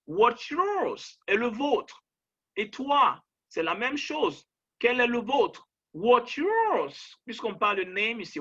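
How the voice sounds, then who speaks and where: Bright-voiced male English teacher. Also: sits high, muffled recording. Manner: drills phrases slowly and repeats them for the listener to echo; encouraging, coaxing. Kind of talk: online pronunciation lesson.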